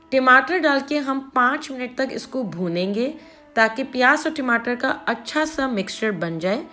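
A woman narrates her recipe in a calm, steady voice-over, explaining each step. Her voice sits a little high. Soft music plays faintly underneath. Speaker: cooking channel host.

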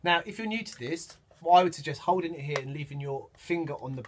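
A man's voice: a little high, lively intonation, fast, a little hiss or hum. A man teaching samba percussion, counting beats and singing the rhythms aloud as he demonstrates. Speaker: music teacher. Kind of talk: instrument demonstration lesson. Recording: loud drumming behind the voice.

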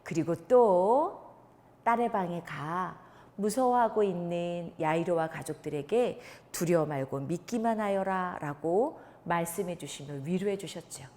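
A woman preacher telling a Bible story to young children in an animated, sing-song way and acting out the characters' lines. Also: on the low side, a little slow, long reverb tail. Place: church.

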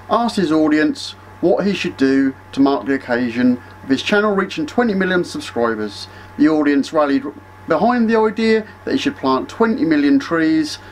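Tech guy reading a script, bit high voice, faint hiss behind. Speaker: guest tech youtuber.

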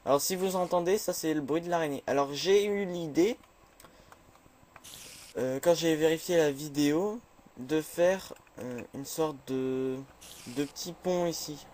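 A man chatting through a game, nervous and quick to say he is scared. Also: a little high, a little mellow. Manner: jumpy, chatty, easily scared. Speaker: gamer. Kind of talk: casual let's play commentary.

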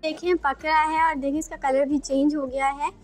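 A woman with a high, light voice talks through a recipe step by step. Her tone is calm and plainly instructional, like a cooking channel voice-over. Faint music plays softly underneath. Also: moderate pace.

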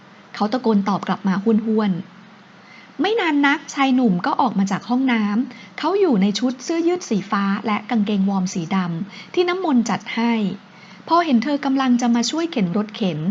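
A woman author narrating her own novel in a steady, unhurried reading voice, on a dull recording with faint hiss. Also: a little high.

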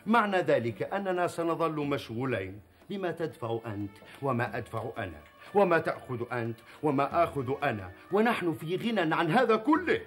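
High-pitched, persuasive scheming butcher. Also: male voice, sing-song, a little fast, fairly bright tone, faint music behind. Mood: explaining, persuasive. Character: assured butcher and business partner, persuasive, scheming planner. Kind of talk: theatrical historical TV acting in formal Arabic.

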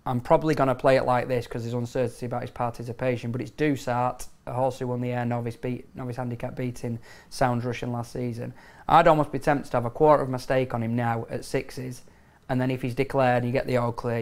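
A man tipping bets as a racing pundit, emphatic and tripping over words now and then. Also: medium pitch. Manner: emphatic, with quick stumbles. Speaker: racing pundit, betting tipster. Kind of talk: analytical chat.

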